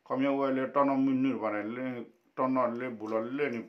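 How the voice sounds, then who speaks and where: A man reads a news report at an even middle pitch, talking on without a break. The audio is slightly dull and lo-fi, with the top end rolled off. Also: fast. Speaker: news presenter.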